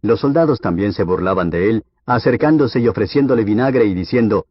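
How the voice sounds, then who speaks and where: Husky low-voiced man reading scripture. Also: lively intonation, fairly quick, dry recording. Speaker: Bible reader. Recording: dull, lo-fi dry recording.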